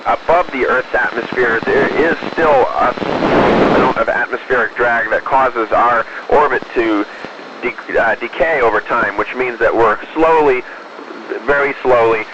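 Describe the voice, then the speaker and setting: Guy astronaut talking over muffled space radio, loud static noise, measured and explaining stuff. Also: mid-range voice. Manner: measured, explanatory, with hesitant pauses. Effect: space radio transmission. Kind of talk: answering questions over a radio link. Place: inside an orbiting space station.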